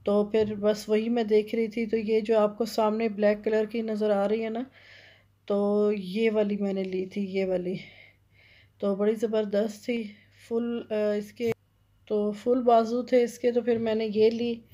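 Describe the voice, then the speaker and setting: Filmed on a handheld phone with dull lo-fi sound, a Pakistani vlogger in middle age narrates her shopping trip through a big clothing store, gushing about the items and using plenty of fillers. Her voice is dark and medium-pitched, level in tone, at a measured pace.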